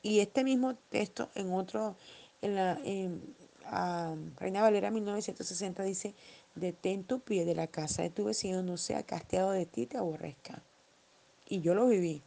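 A woman's voice: medium pitch, normal speed, gravelly, warm tone. A middle-aged woman preaching a sermon, emphatic and fervent, quoting scripture as she goes.

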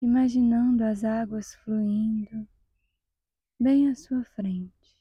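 Leading a guided meditation, a Brazilian woman speaks in a soft, breathy half-whisper that is calm and soothing, leaving long, measured pauses. Her voice sits a little high. The recording is muffled, with no room sound.

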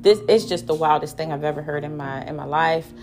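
A woman telling a wild story in a casual vlog, animated and profane, laughing as she goes. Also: sits low, fairly quick, soft background music.

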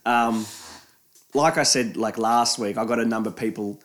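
A man's voice: mid-range voice, moderate pace. A man in casual conversation, arguing his point with swearing and laughter. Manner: animated, argumentative, swears and laughs. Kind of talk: casual chat.

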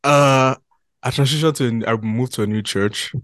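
A man's voice: medium pitch, moderate pace, fairly bright tone, dry recording, clean studio sound. A young adult man co-hosting a casual podcast chat, playful and joking, often mocking himself.

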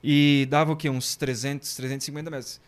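A man from Brazil, a priest, telling a childhood story in a lively, casual podcast chat and mimicking the people in it. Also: fairly high pitch, quick pace. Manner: lively anecdotes, mimics voices and laughs often.

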